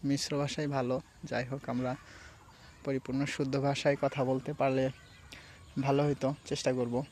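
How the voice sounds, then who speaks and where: A man's voice: mid-range voice, moderate pace, a little hiss or hum. A young man from Sirajganj, Bangladesh, with a Sirajganj regional accent, chatting casually and ramblingly outdoors by rice fields. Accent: Sirajganj regional Bengali. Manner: relaxed, rambling, mixes regional and standard speech. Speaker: vlogger. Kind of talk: casual outdoor vlog chat.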